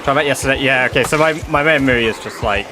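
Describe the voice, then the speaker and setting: A man's voice: medium pitch, fast, background noise. A man livestreaming a game in casual, sweary chat, saying w for r. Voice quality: cannot pronounce R's, says w for r. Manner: informal, sweary.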